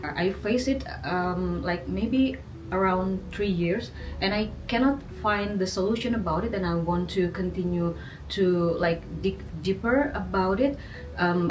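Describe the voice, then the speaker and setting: A woman around forty with an Indonesian accent and a somewhat low voice answers thoughtfully. She pauses often and fills the gaps. She sounds distant, with faint noise behind her. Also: darkish tone. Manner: halting, thoughtful, many fillers. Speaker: interviewee, graduate student. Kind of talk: casual interview.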